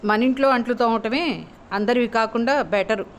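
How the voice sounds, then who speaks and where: A woman's voice: a little high, fairly even intonation, fairly quick, slight background noise, close to an everyday voice. Woman doing a sugary, pleading young wife. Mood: coaxing, pleading. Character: sweet-talking, teasing young wife. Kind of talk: storytelling, voicing characters.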